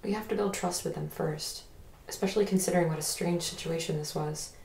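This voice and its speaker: A woman's voice: low voice, brisk, gravelly. An actress playing a young woman haunted by a friend's death, who speaks hesitantly and reflectively in an audio drama. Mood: earnest. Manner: hesitant, soft-spoken, reflective. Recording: roomy echo.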